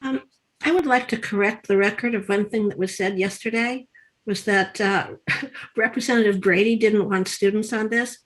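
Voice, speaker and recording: A woman legislator explains her side's reasoning in a committee in a relaxed, conversational way. She laughs easily, and her voice is mid-pitched. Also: moderate pace, rough recording. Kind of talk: committee discussion.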